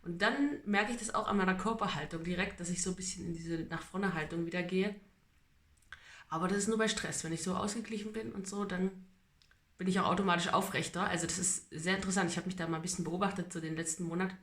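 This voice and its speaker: Medium-pitched voice, braces in the mouth, casual video diary, vlogger, echoey room. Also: fairly even intonation, fast, fairly bright tone. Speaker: vlogger giving a personal treatment update. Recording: roomy, echoing home recording.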